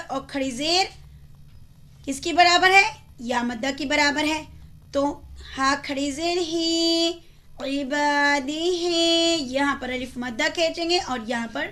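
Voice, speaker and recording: High-voiced woman teaching Quran reading. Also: a bit bright. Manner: spells out letters and vowel marks, then slowly draws out syllables; asks the listener questions and answers them herself. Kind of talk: step-by-step recitation lesson.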